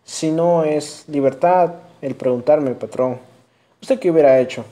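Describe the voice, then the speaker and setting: A man's voice: fairly high pitch, a little slow, dark tone, natural voice. A man playing a humble, desperate outlaw. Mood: earnest. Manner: earnest, imploring.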